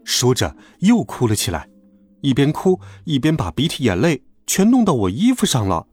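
A man narrating a children's audiobook in a playful, lively storytelling manner. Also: medium pitch, moderate pace, breathy edge, no echo.

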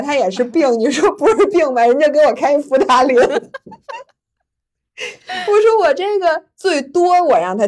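A woman podcast host, telling a story in lively casual chat and laughing often. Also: sits high.

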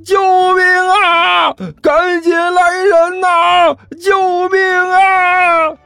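A man voicing a cheeky young guy feigning innocence, shrill, indignant, jumps all over. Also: wildly swooping pitch, moderate pace, dry recording, faint music behind, full character voice. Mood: shouting. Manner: indignant, protesting loudly.

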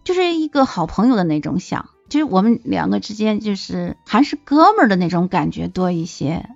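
A woman's voice: medium pitch, a little fast, creaky, dry recording. A playful woman spins casual anecdotes in a chatty podcast, bouncing into the voices of the people she quotes. Her voice sits mid-height and dry, close to the mic. The sound is a touch dull, with faint music behind. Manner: lively, acts out quoted dialogue; playful, wisecracking. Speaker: podcast guest. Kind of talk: casual storytelling chat.

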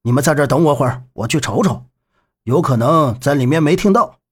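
Man doing a bossy elderly village uncle, husky, talks blunt and scolding in a storybook read. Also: a little high, animated, fairly quick, pitched below the performer's own voice. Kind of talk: audiobook character voice.

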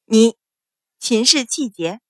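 A woman reading a period novel aloud as a storyteller, giving the quoted characters a raised, forceful voice. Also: mid-range voice, animated, normal speed, no echo. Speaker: audiobook narrator.

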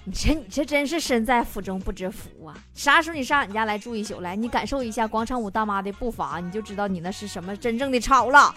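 A woman hosting a comedic talk show, reading listener messages and teasing back with quick punchlines. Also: on the high side. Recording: studio recording with loud background music.

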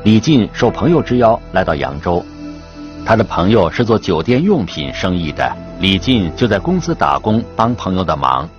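A man's voice: low-pitched, big pitch swings, moderate pace. A man narrating a true crime programme from a script, telling it dramatically with rhetorical questions. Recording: dull sound with music behind. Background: clear background music.

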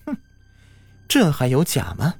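A man's voice: a little high, wildly swooping pitch, unhurried, vocal fry, slightly rough, no room sound, faint music behind, pitched above the performer's own voice, full character voice. A man putting on a sneering fox spirit. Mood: smug. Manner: sneering, mocking, nasal snorts.

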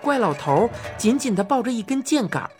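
A woman narrating a children's fantasy story as an audiobook, expressive and rising to cries in excited passages. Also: on the high side, moderate pace, faint music behind.

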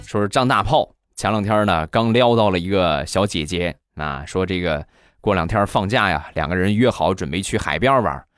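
A man hosting a comedy show, telling funny anecdotes in a chatty, animated manner and acting out the voices. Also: sits low, normal speed, no room sound. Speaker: comedy host. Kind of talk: comic storytelling.

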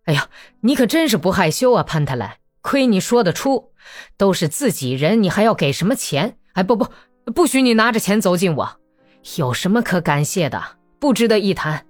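A woman's voice: on the low side, lively intonation, moderate pace, darkish tone, no room sound, clean studio sound, faint music behind, natural voice. A woman reading a novel aloud, voicing a tired male country doctor who speaks bluntly and with resignation. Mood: protesting. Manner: tired, plain-spoken.

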